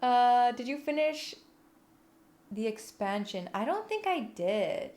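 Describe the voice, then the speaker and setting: A woman livestreamer chatting casually with viewers in a playful, cutesy, giggly and animated way. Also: a little high, takes it slowly. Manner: animated, expressive delivery. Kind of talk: casual live chat. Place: room at home.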